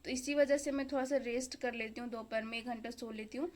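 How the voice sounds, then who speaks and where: A woman's voice: on the high side, steady tone, quick pace, darkish tone. A young woman from India chatting casually in a home vlog, rambling with fillers while she cooks and studies. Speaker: vlogger, exam aspirant. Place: home kitchen and study table.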